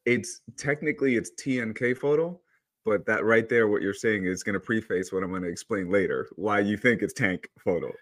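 Male, 30s, low voice, relaxed storyteller, podcast guest. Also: a little fast. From El Salvador. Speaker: photographer guest. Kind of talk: casual interview talk.

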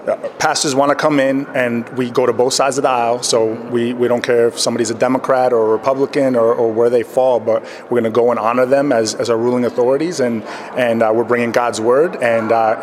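A man, a pastor, giving casual interview answers and haltingly repeating his words. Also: mid-range voice, fairly even intonation. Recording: faint background noise.

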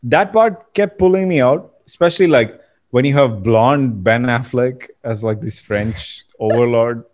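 A man's voice: medium pitch, measured pace, a little mellow. A man co-hosting a podcast in casual chat, rambling and restarting his sentences. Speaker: podcast co-host.

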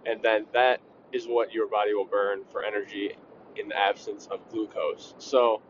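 A man's voice: fairly low pitch, level tone, normal speed, noisy background. Young guy doing a solo podcast, blunt and opinionated, kinda muffled audio. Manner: blunt, opinionated, swears casually. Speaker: podcast host. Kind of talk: casual solo podcast talk.

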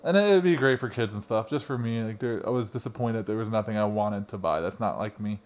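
A man's voice: fairly low pitch, fast talker. Rambling man chatting on a podcast. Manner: rambling, many ums and restarts. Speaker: podcast co-host. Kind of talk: casual chat.

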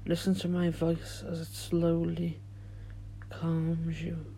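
Slow, hushed man guiding meditation. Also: fairly high pitch, completely flat delivery. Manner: soothing, gentle, drawn-out delivery with long pauses. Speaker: podcast host and meditation guide. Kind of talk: soft, hushed guided meditation.

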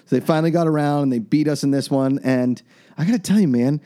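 A man's voice: a little high, quick pace, mellow. A man co-hosting a casual podcast, earnest and self-deprecating as he thinks aloud. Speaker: podcast co-host. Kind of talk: casual chat.

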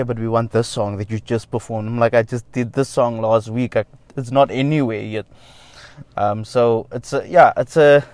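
A musician guest, a man with a lowish, slightly mellow voice, answers interview questions loosely and ramblingly. His speech is full of fillers, with the occasional wry laugh.

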